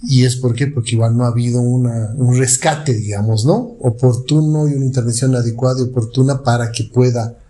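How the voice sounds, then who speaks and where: A man's voice: mid-range voice, fairly even intonation, brisk, few pauses, mellow, a little hiss or hum. A man hosting an interview, reflecting aloud and often tagging his points with a questioning "no". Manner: reflective, hedging with ¿no?. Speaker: interview host. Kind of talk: interview conversation.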